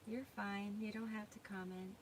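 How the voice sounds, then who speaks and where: A woman's voice: mid-range voice, flat delivery, moderate pace, poor audio. A woman with a Minnesota accent hosting a casual livestream, reading viewer comments and thinking aloud as she searches for things. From United States. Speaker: livestream host. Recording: faint background noise.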